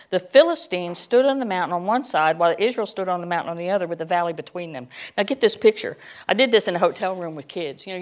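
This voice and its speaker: A middle-aged woman teaching a Bible lesson in a chatty sermon style, reading verses and adding joking, self-deprecating asides. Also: on the low side.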